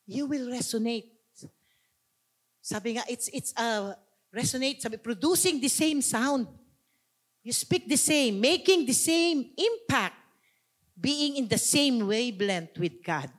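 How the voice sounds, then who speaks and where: A woman's voice: a little high, animated, takes it slowly, long pauses, breathy edge. A woman pastor with a Filipino accent preaching a sermon, switching between languages and asking the congregation questions. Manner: mixes two languages, asks the congregation questions.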